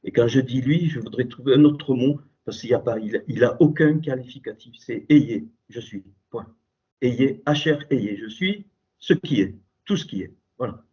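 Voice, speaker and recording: Husky man teaching over a lo-fi call. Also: medium pitch, lively intonation, moderate pace. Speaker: Torah teacher. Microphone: computer call microphone. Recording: dull lo-fi call audio.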